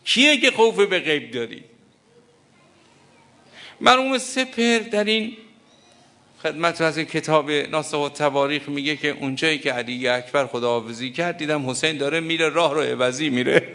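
A man's voice: on the high side, pushed and bright. Older man preaching an impassioned mourning sermon. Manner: impassioned, grieving, breaks into lamenting chant.

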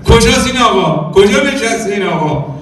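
A man preaching a sermon, telling stories and acting out quoted dialogue with sung phrases. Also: sits high. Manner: animated, acts out quoted dialogue, sings some phrases. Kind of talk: religious sermon with storytelling. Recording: echoey hall from far off.

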